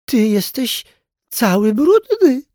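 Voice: medium pitch, sing-song, slow, mellow, no room sound, clean studio sound, pitched above the performer's own voice. A storyteller voicing a spoiled, haughty princess doll who sneers at a dirty toy, in a children's storybook reading. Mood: scornful. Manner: sniffy and scornful.

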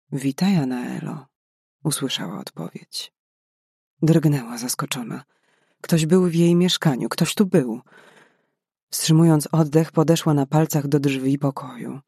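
A man narrating an audiobook in a measured, expressive way. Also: fairly high pitch, creaky, no room sound, clean studio sound. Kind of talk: scripted narration.

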